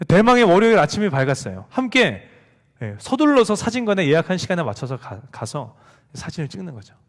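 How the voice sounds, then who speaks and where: A man's voice: high-pitched, a little fast. A male pastor giving a sermon to a youth group, telling a story and acting out the lines of the people in it. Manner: animated storytelling, acts out quoted dialogue. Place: church sanctuary. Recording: long hall reverb.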